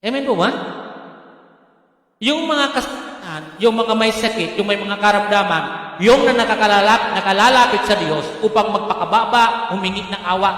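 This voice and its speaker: Filipino male pastor, high bright voice, animated sermon in an echoing church hall. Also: moderate pace. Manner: animated, calls out to the congregation. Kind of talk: live sermon. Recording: booming echo of a large hall.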